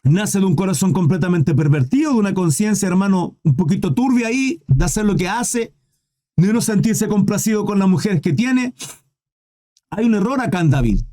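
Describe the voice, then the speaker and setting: High-voiced, mellow preaching man. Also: lively intonation, moderate pace. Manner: fervent preaching, rhetorical questions, addresses listeners as brother. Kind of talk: sermon.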